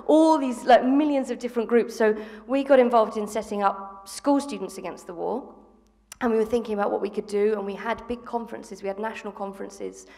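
On a theatre stage before an audience, an English woman in her thirties, a former school strike organiser, speaks earnestly into a handheld mic during a live panel, with many ums and restarts. Her voice is fairly high with a steady, dark tone and a brisk pace, wrapped in the long reverb of the theatre hall.

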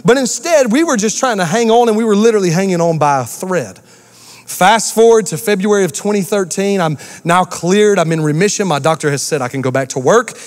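Male pastor, animated sermon delivery, high voice, big church reverb. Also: a little fast. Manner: animated, preaches to a congregation with asides and call-outs. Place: church auditorium.

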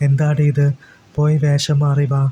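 A man voicing a sharp-tongued mother who scolds her children, in a flat, low-key way. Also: unhurried, a little hiss or hum, natural voice. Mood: scolding.

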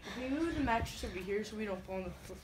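A woman chatting casually with friends at home, asking quick questions and joking around. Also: mid-range voice, animated. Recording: roomy, distant, noisy room.

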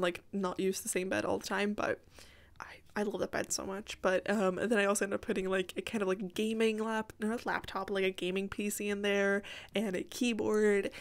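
Chatty woman with a strained, cracking voice. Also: mid-range voice. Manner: chatty, self-interrupting, apologetic asides. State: strained sore voice, cracking now and again. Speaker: gaming video creator. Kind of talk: casual rambling voiceover for a build video.

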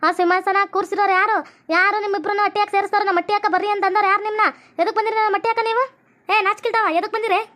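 A bossy, scornful cartoon mother-in-law, voiced by a woman with a North Karnataka Kannada accent. She scolds and mocks in a very high voice at a breakneck pace. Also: flat delivery, very fast, pushed and bright. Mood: scolding. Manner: scolding and mocking. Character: sharp-tongued middle-aged mother-in-law, bossy and scornful.

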